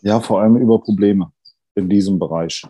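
A man in his thirties, a podcast guest, talking candidly and thoughtfully with many pauses and fillers. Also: fairly low pitch, warm tone, husky. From Germany, Italian family. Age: 30s. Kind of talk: candid conversation.

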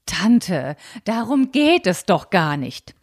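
A woman reading aloud and voicing a determined, free-thinking young woman writer who calmly stands her ground. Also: mid-range voice, takes it slowly, full character voice.

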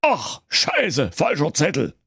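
A man's voice: on the high side, huge pitch swings, slow, a bit bright, breathy edge, no echo, studio quality, exaggerated voice. A man voicing a naive, muddled fairy-tale brother who rambles and bumbles through his complaints. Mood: bumbling.

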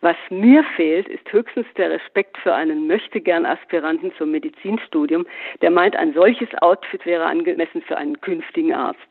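A man's voice: on the high side, moderate pace. A man voicing a sneering, defiant young son. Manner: scornful, mocking. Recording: phone-like narrow band.

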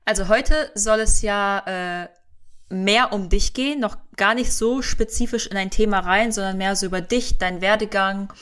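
A woman's voice: medium pitch, normal speed, a bit bright, smooth. A woman hosting a podcast, introducing the episode and chatting casually with her guest. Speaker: podcast host.

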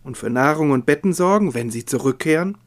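A man reading aloud as a proud, defiant young noblewoman, his voice rising in pitch and force. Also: expressive, brisk, lightly acted. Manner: impassioned, raised pitch and volume.

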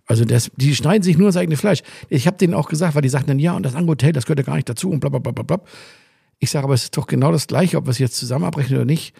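A man's voice: fairly high pitch, very fast, gravelly, dark tone, husky, no echo, studio quality. A man co-hosting a podcast in casual chat, ranting and swearing as he tells a story and acts out what others said. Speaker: podcast co-host.

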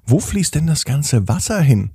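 A man's voice: on the high side, sing-song, normal speed, mellow, breathy edge, dry recording, studio quality, pitched above the performer's own voice, heavily acted. A man voicing a young schoolboy in a bedtime story, asking questions in a slightly nervous way. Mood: puzzled.

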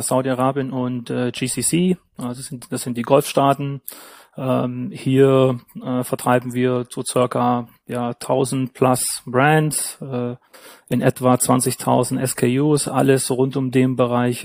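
A man from Germany speaks as an interview guest over a remote call, with a flat, even delivery and little change in pitch. He answers in a measured way and sometimes pauses to search for words. His voice sounds dry and close. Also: vocal fry, dry recording. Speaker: guest, company founder. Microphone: remote call from abroad.

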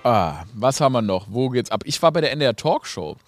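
A man's voice: mid-range voice, sing-song, a little fast, music in the background. A man hosting a podcast, talking in a casual comedic monologue full of ironic asides and fillers.

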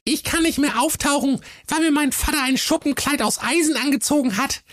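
A squeaky, sassy mermaid. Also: male voice, fairly quick, a bit bright. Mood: flippant. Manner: squeaky falsetto, flippant.

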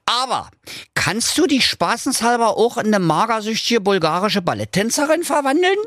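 A man voicing a cheeky, boastful male talking dog who teases and goads in a raised, lively voice. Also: high voice, normal speed, no echo, studio quality, voice pushed up. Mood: goading. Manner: cocky, teasing, mocking laughter.

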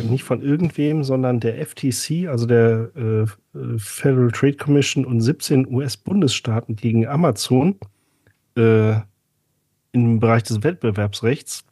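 A man with a dark, husky voice co-hosts a casual podcast. He tells his story sarcastically and fills it with ums and asides. The sound is close and dry. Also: mid-range voice, no echo. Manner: chatty, sarcastic storytelling with many fillers. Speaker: podcast co-host.

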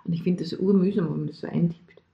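A woman's voice: lowish voice, steady tone, creaky, roomy sound, dull audio. A woman with an Austrian accent, co-hosting a casual improv comedy podcast, chatty and playful. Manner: chatty, playful, quick to riff. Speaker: podcast co-host.

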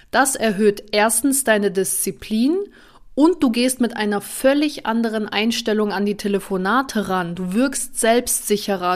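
An energetic woman coaches listeners through cold calling on her own podcast. She speaks directly and informally to the listener, pushing each point with motivating emphasis at a middle pitch. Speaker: podcast host, sales coach. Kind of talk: solo podcast coaching talk.

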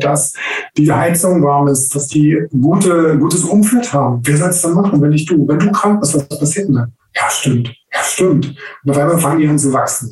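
A man working as a coach tells stories in a conversational interview, animated, acting out the people he quotes. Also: on the high side, recorded from a distance, slight background noise. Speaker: coach and trainer. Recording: roomy sound, a little off-mic.

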